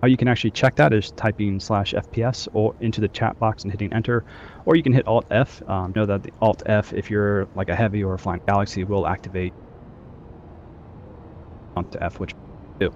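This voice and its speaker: A man's voice: on the low side, fairly even intonation, a little fast, darkish tone, dull audio, slight background noise. A man leading a game training session over group voice chat, instructing loosely with frequent fillers. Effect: heard over group voice chat. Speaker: squad trainer.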